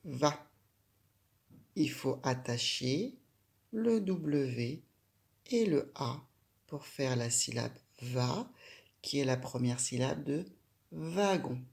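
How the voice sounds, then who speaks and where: Very slow, gravelly-voiced woman teaching handwriting. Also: a bass voice, lively intonation, darkish tone. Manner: patient, addresses the child directly with simple instructions. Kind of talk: step-by-step handwriting lesson for a young child.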